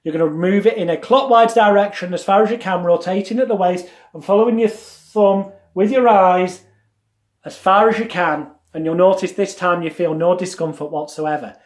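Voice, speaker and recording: A man's voice: sits high, steady tone, moderate pace. A man giving an instructional lecture as a hypnotherapy trainer, with emphatic, repetitive phrasing. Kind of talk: instructional lecture with demonstrated patter. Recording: roomy, echoing sound.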